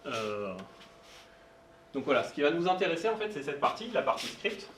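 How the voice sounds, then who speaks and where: A man's voice: a little high, big pitch swings, normal speed, fairly bright tone. A man giving a live technical talk at a meetup, speaking informally and hesitantly with many fillers and asides. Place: meetup room. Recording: roomy sound, distant mic, faint noise.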